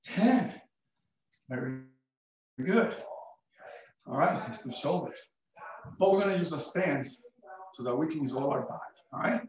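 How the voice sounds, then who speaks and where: A man's voice: fairly high pitch, expressive, unhurried, pauses often. A male fitness instructor leading a live workout class, counting reps aloud and cheering people on, sometimes out of breath. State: out of breath at times. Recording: very echoey room, mic at a distance.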